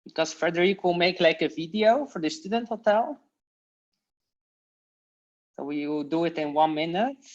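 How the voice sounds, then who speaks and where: Speaking at normal speed with long pauses, a Polish woman with a lowish, animated voice gives friendly, hesitant instructions full of fillers in a casual online Dutch class. She uses a computer mic on a video call, and the audio is dull and lo-fi.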